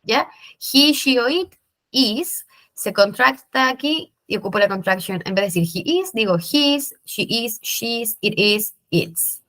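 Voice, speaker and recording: A woman's voice: fairly high pitch, animated, takes it slowly, bright, forceful tone. A woman teaching English grammar in a recorded lesson, explaining step by step with patient checks.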